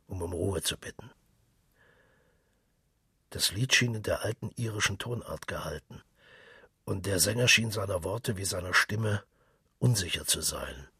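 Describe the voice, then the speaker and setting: A man narrating a literary story for radio in a calm, measured way. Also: low-pitched, slightly rough, no room sound, clean studio sound.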